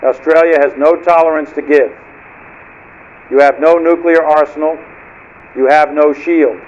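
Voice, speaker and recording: A man voices a cold rogue submarine commander answering over marine radio in a slightly raised voice. He speaks slowly and with menace, each line set down like a pronouncement. The sound is dull and lo-fi, with a faint hiss under it. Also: fairly high pitch, steady tone, darkish tone. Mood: menacing. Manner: measured, menacing, declamatory.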